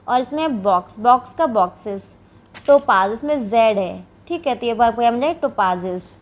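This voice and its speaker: A woman from India teaching English grammar, explaining step by step and answering her own questions. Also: sits high. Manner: says "ठीक है" often as a check-in. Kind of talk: classroom grammar lesson.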